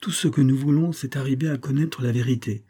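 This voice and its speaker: A man voicing a smooth, scheming middle-aged army major with a coaxing, honeyed manner. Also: mid-range voice, brisk, warm tone, pitched above the performer's own voice, close to an everyday voice. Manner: coaxing, honeyed, then contemptuous.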